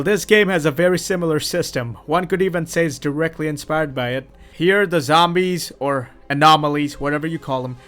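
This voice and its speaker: A male game reviewer with a slightly high voice talks bluntly and sarcastically, with plenty of swearing in casual commentary. Faint music runs under his voice. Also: a bit bright. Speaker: game reviewer, channel host.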